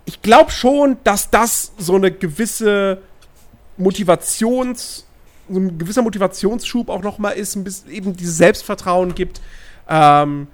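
A woman's voice: mid-range voice, unhurried. A woman giving her opinions on football in casual podcast chat, repeating words as she searches for them.

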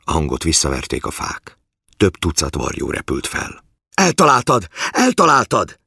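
Very deep, gravelly male narrator. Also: no room sound, studio quality. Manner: calm, measured reading. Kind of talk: scripted story narration.

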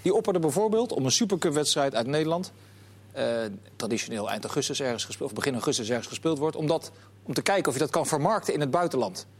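A man presenting a football talk show, telling anecdotes in an animated way and putting questions to his guests. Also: a little high, fast talker, husky. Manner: animated storyteller, lively anecdotes.

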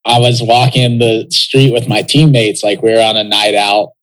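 He's a young Texan who plays soccer professionally, chatting as a guest in a casual interview with a reflective, loose style full of fillers. The voice is lowish and steady at normal speed, though the audio is poor.

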